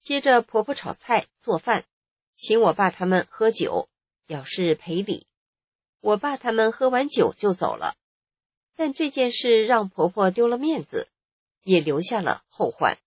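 Husky-voiced woman telling her life story. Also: mid-range voice, very animated, a little slow, no echo. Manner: emotional, earnest recounting. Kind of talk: first-person life story narration.

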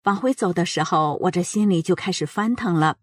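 A woman tells a personal story at an earnest, steady pace. Her voice sits a little low, and the recording is dry and close, with no room sound. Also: a little fast, dry recording. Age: 70s. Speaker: narrator of a personal account. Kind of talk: reading a personal story aloud.

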